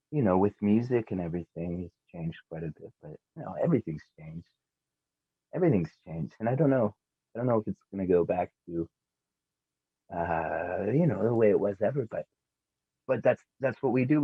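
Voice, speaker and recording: A man's voice: on the low side, husky, no echo. Laid-back man on a tinny line. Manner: rambling, laid-back, frequent fillers and laughs. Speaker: musician guest. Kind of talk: casual interview chat. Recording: tinny phone-like remote audio.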